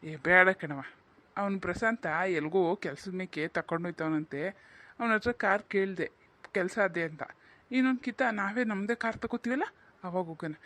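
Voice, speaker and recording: A man voicing a gentle village father in a cartoon, coaxing his little daughter softly. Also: high voice, no echo. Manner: soft, coaxing.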